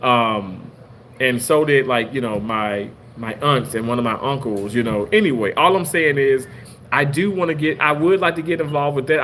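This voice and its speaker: A man's voice: fairly high pitch, slight background noise. Rambling man in his thirties. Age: 30s. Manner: rambling, animated, many restarts. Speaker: surgical assistant. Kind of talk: casual storytelling monologue.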